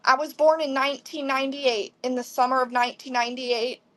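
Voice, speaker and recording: A woman's voice: high voice, fairly even intonation, brisk, a bit bright. A woman in her twenties from the Midwest, chatting casually on a live selling stream and answering viewers' comments. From Midwest USA. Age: 20s. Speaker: live online seller. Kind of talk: casual livestream chat.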